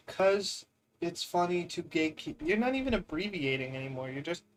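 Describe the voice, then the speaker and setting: Playing a block-building game, a young gaming streamer chats casually in a fairly high, expressive voice at normal speed. He rambles and teases his chat, sounding incredulous.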